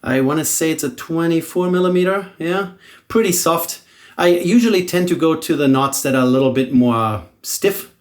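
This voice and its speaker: This shaving vlogger is a middle-aged German man, a native speaker with a German accent, whose slightly high voice runs at normal speed. He's relaxed and casual while demonstrating shaving, thinking out loud and frequently starting his sentences over.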